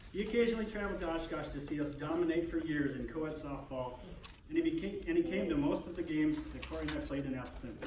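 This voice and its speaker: A man delivers a prepared eulogy as a son, with dignified, restrained grief and wry, fond humor. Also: a little high. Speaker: son giving a eulogy for his father. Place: echoey room, speaking to a gathering. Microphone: distant microphone. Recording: echoey, distant, noisy room recording.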